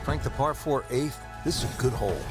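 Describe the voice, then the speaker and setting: A man's voice: medium pitch, brisk, music in the background. A man giving play-by-play golf commentary as the lead commentator.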